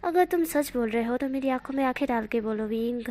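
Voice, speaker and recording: A woman voicing a stern grown man in a read-aloud fan story, halting and full of fillers. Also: high voice, lively intonation, mellow. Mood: questioning. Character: adult man, stern guardian figure.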